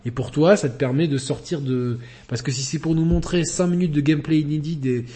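A male podcast host with a somewhat high, husky voice and a mellow, dark tone. He chats about games in a lively, joking way, throwing in quick asides. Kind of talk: casual gaming chat.

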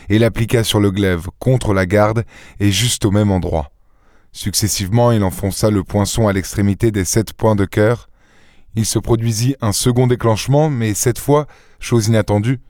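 Measured male audiobook narrator. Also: fairly low pitch, darkish tone, no room sound, clean studio sound. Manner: measured, clear storytelling.

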